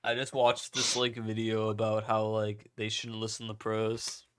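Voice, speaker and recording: A man's voice: on the low side, completely flat delivery, a little slow, a little hiss or hum. A young man streaming live, talking casually and ranting with lots of swearing and "like" fillers.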